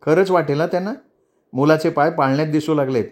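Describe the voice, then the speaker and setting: A man voicing a gentle, understanding young wife who chats warmly in a Marathi audiobook reading. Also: sits low, quick pace, pitched above the performer's own voice, close to an everyday voice. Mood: friendly.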